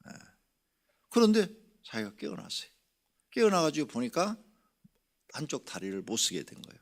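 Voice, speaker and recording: A man, a senior pastor, preaching a sermon and telling a story with animated swings from loud exclamations to whispers. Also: vocal fry. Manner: animated storytelling, acting out quotes with big swings in pitch and loudness; drops to a whisper at tender moments. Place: church sanctuary.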